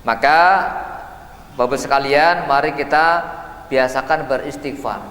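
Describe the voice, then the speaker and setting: A man's voice: medium pitch, unhurried, fairly bright tone. A middle-aged man giving a sermon, telling stories and acting out the dialogue. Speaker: preacher. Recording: echoey hall with long reverb.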